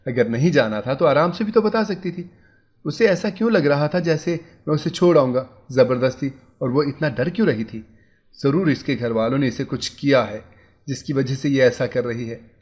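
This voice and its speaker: Brief: anxious young husband, soft and coaxing, mid-pitched storybook voice, by the narrator. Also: male voice, moderate pace, lightly acted. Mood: worried. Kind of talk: storybook character voice.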